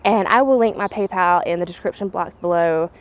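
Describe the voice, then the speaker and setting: A woman with a lowish, brisk voice hosts a casual ghost-hunting vlog outside at a bridge, chatting informally with viewers and calling out questions to spirits. The recording sounds muffled, with clear background noise and clicks.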